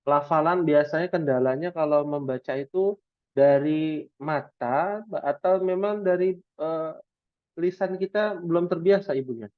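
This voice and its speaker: A man teaching an Arabic class over a video call, giving encouraging feedback with drawn-out affirmations. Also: on the high side, smooth, no room sound, phone-quality sound.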